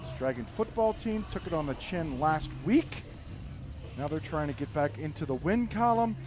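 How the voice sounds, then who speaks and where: A man's voice: on the high side, lively intonation, normal speed. A man calling a college football game live as play-by-play announcer, joking with his partner between plays. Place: press box at a football stadium. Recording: crowd noise behind.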